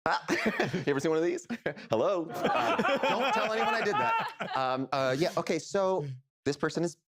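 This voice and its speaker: A man's voice: on the high side, wildly swooping pitch, moderate pace, very noisy, voice pushed up. A man playing a bumbling, overconfident surgeon in an improv comedy scene, talking in a fumbling, chatty way.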